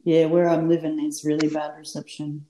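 A woman's voice: low voice, little pitch movement, moderate pace, warm tone. A woman in a casual phone chat, heard over a poor connection that keeps breaking up. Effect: choppy phone line with poor reception, breaking up. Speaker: caller.

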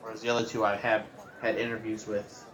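A man playing a tabletop game, speaking in character in a measured, matter-of-fact way. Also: fairly low pitch, little pitch movement, background noise. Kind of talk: casual in-character talk.

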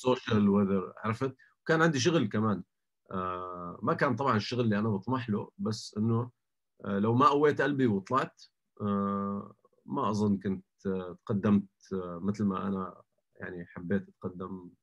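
Low-voiced man. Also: brisk, a bit bright, lo-fi sound. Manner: mixes English words into Arabic. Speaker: interview guest. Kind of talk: casual conversational interview, giving advice.

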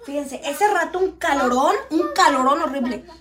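A woman's voice: sits high, moderate pace, over a noisy crowd. A woman, chatting casually on a live stream from home, reading viewer comments aloud while she eats. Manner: chatty, reads viewer comments aloud, tends a small child. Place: home, at a meal.

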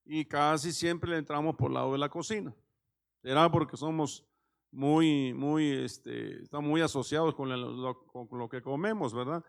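A male pastor delivers a sermon in a fairly high voice. He keeps it conversational, checking in with his listeners and stopping on fillers as he goes. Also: fairly even intonation, moderate pace, vocal fry. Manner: conversational, many "¿verdad?" tags and hesitations.

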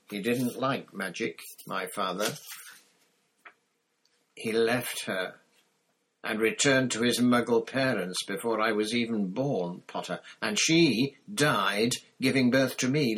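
A man doing a cold, mocking dark wizard out of a storybook, low-pitched and husky. He hisses softly and draws out his words, then lifts into sharper, louder taunts. The menace stays quiet and controlled. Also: heavily acted, rough recording. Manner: soft, hissing menace with sudden rises. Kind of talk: audiobook character voice.

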